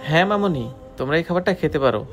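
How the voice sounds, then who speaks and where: A man playing a gentle, fatherly stranger. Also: on the high side, lively intonation, very fast, faint music behind, lightly acted. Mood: kind. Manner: soft, coaxing, fatherly. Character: gentle, generous adult man, fatherly to children. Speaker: kind stranger helping two poor sisters. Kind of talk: scripted short web drama.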